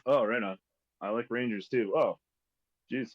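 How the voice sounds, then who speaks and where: A man's voice: mid-range voice, measured pace. A laid-back, agreeable man chatting casually as a player at a tabletop game. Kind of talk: casual chat. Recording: dry, dull lo-fi audio.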